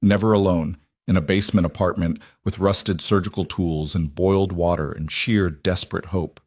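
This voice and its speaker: A male narrator reads a dramatic audiobook in a lowish voice, measured and deliberate. The recording is dry and close, with no room sound at all. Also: steady tone, darkish tone, no room sound.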